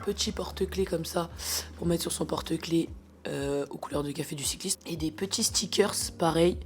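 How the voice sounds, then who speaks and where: A woman's voice: sits low, moderate pace, a little hiss or hum. A woman with a French accent, chatting casually to camera as a cycling vlogger, upbeat and full of fillers, filming on a handheld phone. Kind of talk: casual vlog chat to camera.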